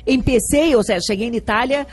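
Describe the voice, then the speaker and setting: A middle-aged woman from Brazil with a Brazilian Portuguese accent, talking as a sexologist guest in a lively, rambling way, often laughing. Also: fairly high pitch, a little fast, breathy edge. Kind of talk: casual interview chat.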